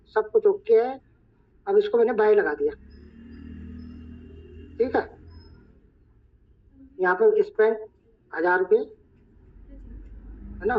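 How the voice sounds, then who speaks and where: Hoarse male trainer, high voice, walks viewers through a screen step by step; dull lo-fi sound. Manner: talks viewers through each step, repeating "look". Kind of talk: screen-share tutorial. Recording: dull lo-fi recording.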